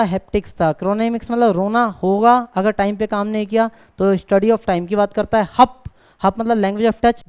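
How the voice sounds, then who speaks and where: Guy doing an exam prep lecture, kinda high voice but mellow and smooth, reads the book line by line then explains it casually. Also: dry recording, studio quality.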